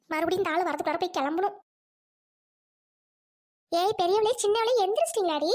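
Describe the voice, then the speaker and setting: An excited, scolding mother of two girls, played by a woman in her own voice in a comic family skit. Her voice is very high, and she chatters and scolds quickly. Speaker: content creator.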